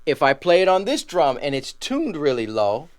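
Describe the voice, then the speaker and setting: A man giving a percussion lesson who explains patiently and sings out drum rhythms with sounds like boom and ga. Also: very animated, normal speed, background noise. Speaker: music teacher.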